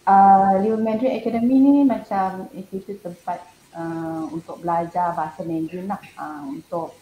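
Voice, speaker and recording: Woman, thirties, soft mellow tone, informal giggly chat, roomy noisy laptop recording. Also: fairly low pitch, steady tone, moderate pace. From Malaysia. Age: 30s. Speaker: panel guest, language academy founder. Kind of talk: casual online panel chat. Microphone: laptop on an online call. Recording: echoey room with background noise.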